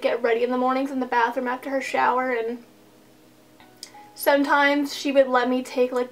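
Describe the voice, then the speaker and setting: In a casual get-ready-with-me video, a young streamer and vlogger applies her makeup at home and chats into a desk microphone. She rambles and makes fun of herself in a slightly high, somewhat bright voice.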